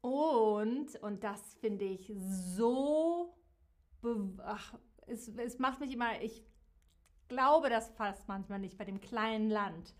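A woman teaches a live lesson to her viewers. Her voice sits a little high and she speaks slowly. She says each key word twice, clearly and carefully. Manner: slow, repeats key words, warm direct address to viewers. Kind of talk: slow, clearly articulated live-stream lesson.

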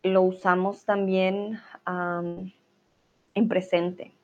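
A woman's voice: lowish voice, little pitch movement, very slow, narrow, tinny audio. A woman teaching a live online grammar lesson, patiently reading out student comments and correcting them. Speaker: Spanish teacher.

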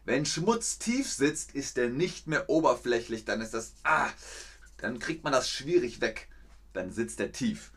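Slow, patient man teaching a live class. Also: medium pitch, expressive, fairly bright tone. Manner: patient, slow and clear, repeats example sentences. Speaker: German language teacher streaming. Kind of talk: livestreamed language lesson answering chat.

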